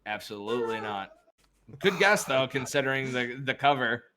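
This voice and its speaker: A man's voice: mid-range voice, animated, moderate pace, a crowd in the background. A man hosting a casual trivia game, reading out questions and teasing the players with a lot of swearing. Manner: joking, swears freely, reads quiz questions aloud. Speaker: host running a trivia game. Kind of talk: casual chat.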